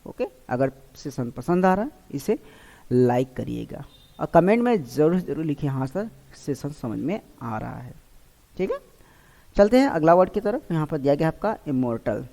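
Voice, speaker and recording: A male teacher gives an online exam-prep vocabulary lesson in a warm, mellow voice. He keeps firing questions at his students and answering them himself, repeating each answer. His voice rings with a long reverb, as if recorded in a large hall. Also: a little high, sing-song, moderate pace, creaky.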